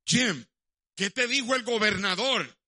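A man's voice: sits high, lively intonation, unhurried, pushed and bright, pitched above the performer's own voice, heavily acted. A man voicing an astonished male prison guard who speaks in an urgent, incredulous way.

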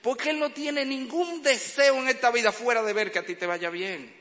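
A man's voice: extremely high pitch, moderate pace, sharp tone. A man preaching a sermon, telling humorous stories about fatherhood and acting out the sounds and cries he describes. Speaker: preacher, father of young children. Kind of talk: sermon with humorous family anecdotes. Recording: long hall reverb, faint background noise.

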